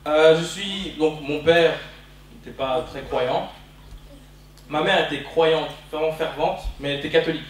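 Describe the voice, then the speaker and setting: Captured from a distance in a very reverberant church hall, a Belgian man in his twenties preaches during a service. His sermon is fervent and emphatic, leaning on repeated lines, delivered in a fairly high voice at a measured pace with slight background noise.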